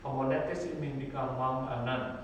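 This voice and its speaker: This medium-pitched male voice belongs to a Buddhist monk with a Vietnamese accent, speaking with fairly even intonation. He answers an interviewer in simple English, halting frequently and filling pauses with hesitations. Echo from the hall, a distant mic and faint noise mark the recording.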